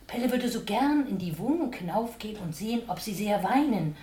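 Woman storyteller, lively children's book reading, mid voice, echoey room. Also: mid-range voice, brisk, slight background noise. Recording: roomy echo.

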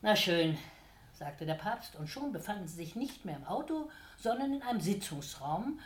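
A woman's voice: mid-range voice, very animated, normal speed, warm tone. Woman reading a funny story aloud, lots of melody in her voice, roomy echo. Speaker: narrator.

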